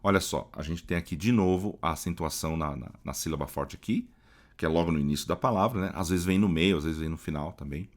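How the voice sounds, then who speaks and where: A man teaching English phonetics in Portuguese, explaining patiently and repeating example words slowly, often checking in with the listener. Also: low voice.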